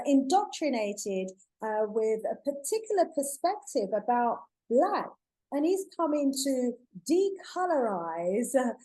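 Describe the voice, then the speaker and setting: High-pitched woman hosting with enthusiasm. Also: rough recording. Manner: warm, affirming, addresses audience as family. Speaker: host. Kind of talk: enthusiastic show introduction.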